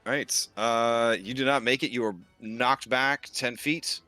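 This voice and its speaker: A man's voice: medium pitch, steady tone, measured pace, pushed and bright, soft background music. A man as game master, casually narrating a tabletop role-playing game and calling for rolls.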